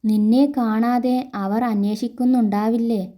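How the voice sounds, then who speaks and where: A woman reading a gruff drinker, gentle underneath. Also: a little high, steady tone, a little slow, close to an everyday voice. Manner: blunt and rough, turning gentle. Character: gruff but caring young man, a heavy drinker.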